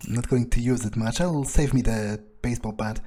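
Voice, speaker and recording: A role-playing game streamer speaks in character, offering gameplay commentary as he thinks aloud in a musing, muttering, crude way. His mid-range voice is dark in tone and a little fast. Faint noise and game ambience sit underneath.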